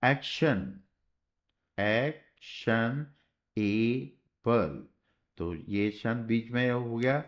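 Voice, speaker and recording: A man's voice: medium pitch, lively intonation. A man teaching a shorthand class, explaining step by step in a patient way and often checking with "okay". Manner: slow, patient, spells out sounds and checks with "theek hai". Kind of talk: classroom lesson.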